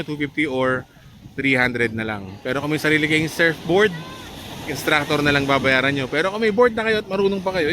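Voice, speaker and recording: Chatty man vlogging on a beach. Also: fairly high pitch. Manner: chatty, coos and teases a baby in a lifted voice. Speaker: travel vlogger. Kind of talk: casual vlog narration. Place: beach outdoors at sunset. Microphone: handheld camera. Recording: outdoor noise from waves and wind. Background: sea and surf noise.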